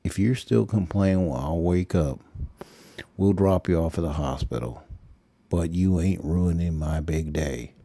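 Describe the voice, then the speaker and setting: A man's voice: on the low side, measured pace, mellow, dry recording. A man voicing a crude, hot-tempered, selfish young man who snarls and swears dismissively in a storybook reading.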